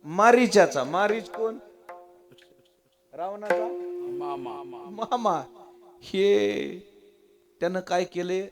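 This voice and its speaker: A man's voice: high-pitched, extremely slow, long pauses, music in the background. A man with a Marathi accent preaching a devotional kirtan, telling the story animatedly and voicing its characters. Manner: animated storyteller, acting out dialogue, call-and-response. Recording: live kirtan with tabla and harmonium. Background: tabla and harmonium.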